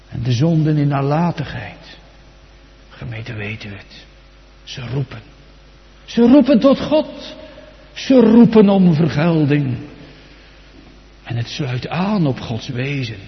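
A man preaching a sermon as pastor, slowly, with sudden rises to loud, high outcries and drops to near-whispers. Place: church. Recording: dull recording in a large reverberant church.

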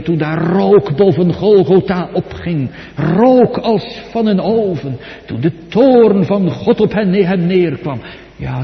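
A man preaching a sermon in a solemn cadence, his voice swelling loud and high for quoted psalms and sinking low and soft in between. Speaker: pastor. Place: church. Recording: dull sound with long church reverb.

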